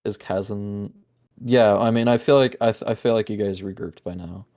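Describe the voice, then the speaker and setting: A man's voice: lowish voice, steady tone, normal speed, a little mellow. A man narrating as game master in a tabletop game, talking casually with many fillers and restarts.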